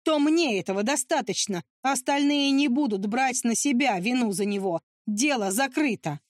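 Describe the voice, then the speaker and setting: A woman's voice: a little high, animated, normal speed, no room sound, studio quality. A woman voicing a fierce, blunt young woman who refuses to budge, in an audiobook. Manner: curt, forceful.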